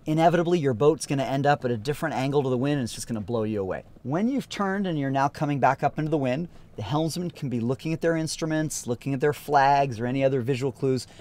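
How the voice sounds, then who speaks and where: A man's voice: mid-range voice, darkish tone. Male sailing teacher in his 30s, upbeat and plain-spoken, recorded on deck. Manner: upbeat, clear and practical. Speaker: sailing instructor. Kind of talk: casual instructional talk. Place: aboard a sailboat outdoors.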